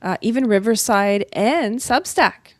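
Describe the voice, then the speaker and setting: A woman's voice: medium pitch, lively intonation, measured pace, dry recording. A middle-aged woman from northern Ontario, a guest author chatting casually and upbeat in an interview. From northern Ontario, Canada. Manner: chatty and upbeat, laughs easily.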